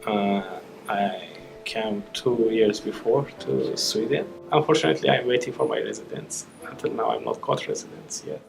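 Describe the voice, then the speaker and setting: Gravelly man. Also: fairly low pitch, fairly even intonation, music in the background, poor audio. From Afghanistan. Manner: halting, searching for words. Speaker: interviewee, asylum seeker. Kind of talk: personal testimony.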